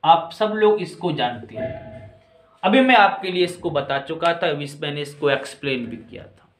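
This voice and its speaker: A man gives a chemistry lesson in a higher-than-usual voice, taking it point by point and checking that his students are following. He addresses them as children and friends. The sound carries a clear room echo. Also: expressive, normal speed. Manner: explains step by step, often asks if it is clear. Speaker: chemistry teacher. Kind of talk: classroom-style lecture. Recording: echoey room.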